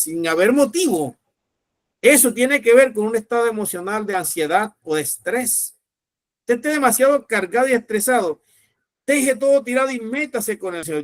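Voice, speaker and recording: High-voiced preacher man, emphatic. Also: dry recording, studio quality. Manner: emphatic, commanding preacher who acts out pleading voices. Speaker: pastor. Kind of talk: sermon.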